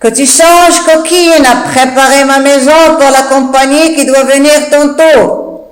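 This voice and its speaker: A teacher reading aloud as a pompous, irritable rich man scolding his maid, in a slow, echoey room. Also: sits high, fairly even intonation, pitched above the performer's own voice. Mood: commanding. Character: pompous, irritable rich middle-aged man, master of the house. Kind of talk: classroom reading of a classic comedy.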